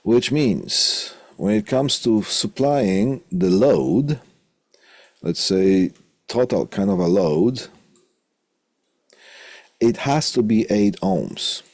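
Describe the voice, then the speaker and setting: A college instructor gives an informal technical lecture in a lowish, darkish voice with lively intonation and no room sound. He speaks deliberately, often repeating phrases and asking himself questions.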